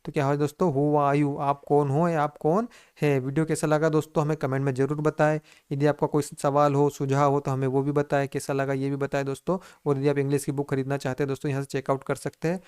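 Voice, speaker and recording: A man teaching basic English to Hindi speakers, slowly repeating each phrase and addressing his viewers as friends. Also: fairly high pitch, little pitch movement, a little mellow, clear, resonant tone, no echo, clean studio sound. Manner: repetitive, drawn-out teaching, says "दोस्तों" constantly.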